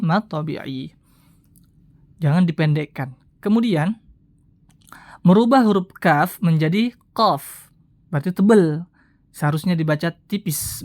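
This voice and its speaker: A woman teaching correct Quran recitation, who explains gently, adds a soft "ya" and repeats phrases slowly to demonstrate. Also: lowish voice, no echo. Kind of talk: tajwid lesson with slow demonstrations.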